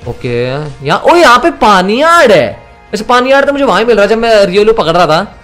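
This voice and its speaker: A man's voice: high-pitched, big pitch swings, brisk, fairly bright tone. A young man giving casual, jokey commentary while playing a video game, chatting to himself and to the game's characters. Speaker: gaming YouTuber. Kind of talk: casual Let's Play commentary. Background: faint game music.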